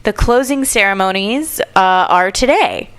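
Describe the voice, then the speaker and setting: A woman's voice: mid-range voice, animated, moderate pace, fairly bright tone. A woman co-hosting a radio studio podcast, reading out the news with playful, teasing banter. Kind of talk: casual banter.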